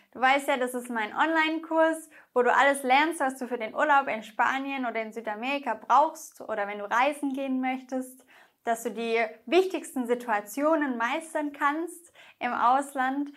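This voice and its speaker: A woman teaching Spanish grammar, explaining slowly and carefully and speaking directly to the viewer. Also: high-pitched, a bit bright. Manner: slow, careful explanations with drawn-out example words.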